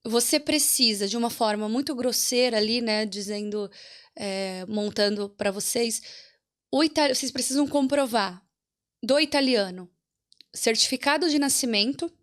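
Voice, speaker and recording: A woman's voice: fairly high pitch, moderate pace. A woman with a Brazilian Portuguese accent, a guest consultant patiently explaining a process step by step in an interview.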